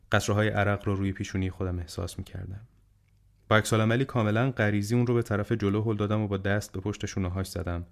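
A man narrates an audiobook at a steady, measured pace. His voice sits somewhat low. The delivery is even and storytelling.

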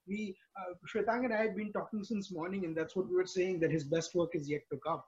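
With an Indian accent and a high, husky voice, a male podcast host chats casually in a steady, somewhat dark tone. He speaks haltingly and frequently doubles back on what he's said, and the recording sounds dull and lo-fi.

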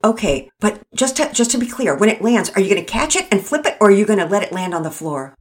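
A woman's voice: mid-range voice, big pitch swings, fast, voice pushed up, natural voice. A woman voicing a chirpy, eager young girl who asks a lot of questions.

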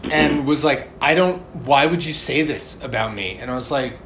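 Casual conversation and personal anecdotes come from this podcast co-host, a man in his thirties with a medium-pitched, fairly bright voice at normal speed. The ambient background is clearly noisy.

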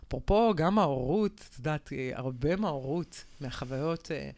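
A woman co-hosting a podcast in casual chat, reflecting aloud and often pausing to search for the right words. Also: low-pitched, expressive, darkish tone. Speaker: podcast co-host.

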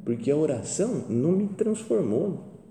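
Brazilian preacher in an echoing hall. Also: male voice, a little high, normal speed, slight background noise. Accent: Brazilian Portuguese. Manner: colloquial, acts out quoted prayers with lively voices. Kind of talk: conversational sermon meditation. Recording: echoey hall with long reverb.

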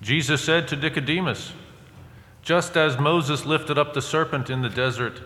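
A priest reading the gospel and preaching at mass, his measured voice turning emphatic, with a cathedral echo. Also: fairly high pitch, pushed and bright. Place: large church. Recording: echoey church hall with long reverb.

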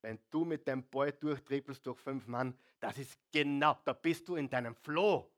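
A man voicing God as a fond, folksy father speaking warmly about a son. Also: medium pitch, moderate pace, close to an everyday voice.

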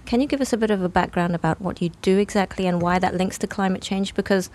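A woman co-hosts a casual podcast, keeping her voice low and soft. She sounds a touch apologetic, trying not to draw attention. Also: fast. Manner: soft-spoken, quiet, apologetic. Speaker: podcast co-host. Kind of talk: casual chat.

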